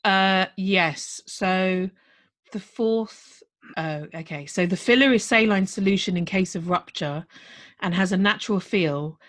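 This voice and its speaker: Female podcast co-host, mid-pitched, informal and teasing in loose comic banter. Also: a little slow, a bit bright. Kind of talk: casual comedic banter.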